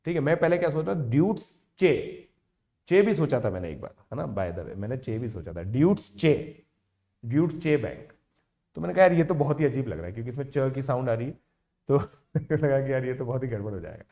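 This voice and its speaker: A man in his thirties, an educator, tells a motivational story to online students in a casual, animated way. He mixes English words into his Hindi and checks in with listeners again and again. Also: mid-range voice, fast, gravelly. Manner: chatty, animated, with frequent "theek hai" check-ins.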